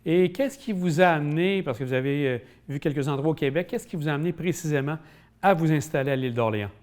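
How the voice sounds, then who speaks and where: A male TV interviewer. His voice sits a little high for a man. He asks his questions politely and formally, with occasional fillers. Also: fast, darkish tone. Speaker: TV interviewer, host.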